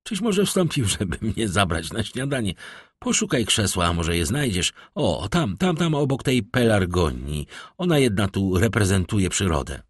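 Teasing newspaper guy, low husky voice, ironic and easy, man reading him. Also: big pitch swings, moderate pace, dry recording, clean studio sound. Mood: jovial. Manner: jovial, ironic. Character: wry male newspaper editor, easygoing and teasing. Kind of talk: audiobook character voice.

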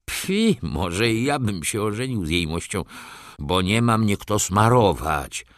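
A man voicing a blunt, gruff old soldier who mutters and teases, in an audiobook reading. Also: lowish voice, very animated, a little slow, dry recording, studio quality. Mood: gruff teasing.

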